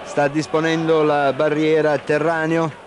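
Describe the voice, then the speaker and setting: Even-toned male football commentator, noisy broadcast. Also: a little high, a little slow. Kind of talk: live TV football play-by-play commentary. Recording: noisy old 1990 TV broadcast.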